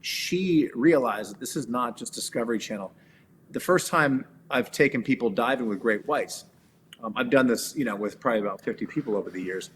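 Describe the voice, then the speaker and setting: Male guest, mid-pitched, chatty storyteller with frequent ums and restarts. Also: a little fast, a little hiss or hum. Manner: animated storyteller with many fillers and restarts. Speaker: guest, animal trainer. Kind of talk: casual interview chat.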